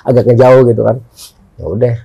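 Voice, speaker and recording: A man's voice: medium pitch, brisk, creaky, slightly rough, no echo, muffled recording. A man telling a story in casual chat, acting out his friends' lines as he goes. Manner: animated, acts out friends' lines. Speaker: guest storyteller.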